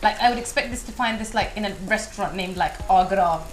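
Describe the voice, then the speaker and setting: A woman in her thirties co-presenting a cooking show, chatting and teasing in a quick, lively way. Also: medium pitch, slight background noise. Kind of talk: casual chat. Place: TV studio kitchen set. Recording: roomy studio sound with music.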